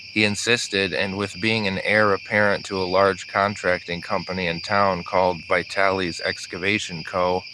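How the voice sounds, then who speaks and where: A man narrating an audiobook in a steady, even reading voice. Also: deep voice, background noise. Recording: crickets and insects in the background.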